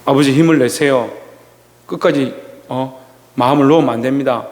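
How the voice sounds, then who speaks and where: A male pastor giving a Sunday sermon, telling a personal story slowly with many pauses and restarts. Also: mid-range voice, a little mellow, in a large hall. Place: church sanctuary.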